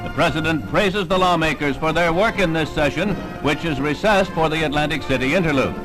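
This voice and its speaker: A man's voice: fairly high pitch, brisk, rough recording. A man delivering formal 1960s newsreel narration as the narrator, voiced over the footage. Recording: old newsreel voice-over with loud music behind. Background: music.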